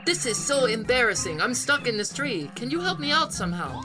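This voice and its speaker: A performer voicing a prim, scolding female dinosaur nanny in a high, bossy voice, over game music. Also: big pitch swings, fairly quick, lightly acted.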